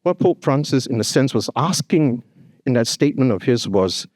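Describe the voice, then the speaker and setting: A mid-range, slightly mellow male voice with lively intonation opens a conference formally at normal speed. The Singaporean speaker is earnest and emphatic, often saying "you know" and "actually," in a hotel conference hall. Studio-quality audio, no room sound.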